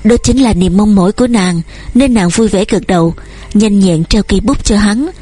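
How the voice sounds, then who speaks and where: A woman narrating a romance novel in a calm, measured storytelling manner. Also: medium pitch, breathy edge.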